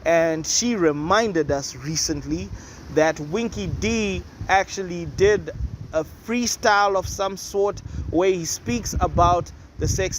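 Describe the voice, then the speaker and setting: Male host, high voice, noisy room with music behind, loose opinionated commentary. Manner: chatty, opinionated, rambling asides. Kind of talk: casual commentary. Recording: noisy with loud music nearby. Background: neighbours' music and noise.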